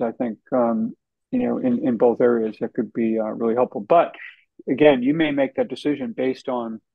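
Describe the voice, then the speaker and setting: Appearing as a guest author, a man answers interview questions in a relaxed, conversational style full of fillers. His middle-pitched voice is creaky, and the audio is a bit dull and lo-fi, dry with almost no room sound.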